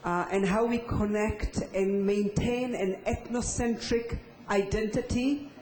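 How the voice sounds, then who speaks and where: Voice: mid-range voice, steady tone, takes it slowly, a little mellow, faint music behind. An audience member at a conference, commenting hesitantly with many fillers. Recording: echoey conference hall.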